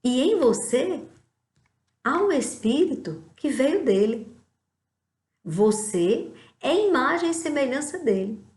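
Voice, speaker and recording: A woman's voice: sits high, big pitch swings, takes it slowly, long pauses. Woman preaching in an echoey room. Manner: acts out prayers and dialogues in softer quiet tones. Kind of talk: devotional sermon.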